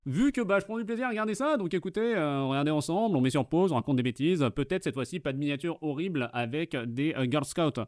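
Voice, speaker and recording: A man's voice: on the high side, expressive, fast talker, hardly any pauses, a little mellow. Playful Québécois man hosting a watch party. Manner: playful, rambling, laughs often. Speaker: host. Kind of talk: casual watch-party commentary.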